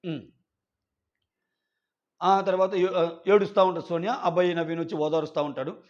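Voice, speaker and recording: A man's voice: sits high, fairly even intonation. Male show reviewer, chatty recap that slips into quoted lines, thin muffled sound. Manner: retells scenes, quoting contestants in quick acted snippets. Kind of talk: casual episode recap. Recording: dull lo-fi audio.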